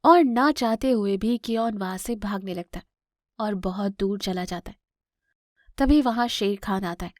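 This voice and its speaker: A woman narrating a scripted children's cartoon story in a clear, expressive storytelling voice. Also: mid-range voice, a little slow, no room sound, studio quality.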